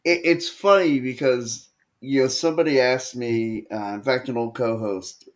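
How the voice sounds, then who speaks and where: On the casual wrestling podcast he co-hosts, this man recounts matches at a moderate pace and medium pitch. His telling is lively, with frequent fillers and restarts along the way.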